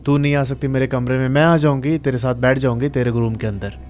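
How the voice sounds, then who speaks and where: A man's voice: medium pitch, steady tone, fast, a little mellow, slight background noise. A man narrating a true horror story in a casual, chatty way, talking to listeners like friends.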